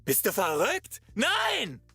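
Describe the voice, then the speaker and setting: A man's voice: high voice, huge pitch swings, fast talker, vocal fry, slightly rough, no echo, faint music behind, pitched above the performer's own voice, heavily acted. A man voicing an irritated male Prussian soldier for a war game, with a German accent and curt, annoyed refusals. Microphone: booth microphone.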